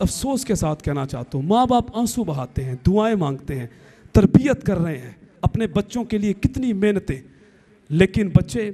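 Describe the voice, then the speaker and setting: Give me an impassioned high-voiced male pastor. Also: warm tone. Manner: impassioned, emphatic appeals. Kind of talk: sermon.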